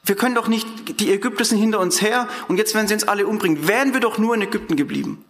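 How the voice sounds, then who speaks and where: A man's voice: high-pitched, racing, a bit bright. A man preacher voicing a complaining, panicky crowd of ancient grumblers in an echoey hall. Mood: whining. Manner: whining, panicky.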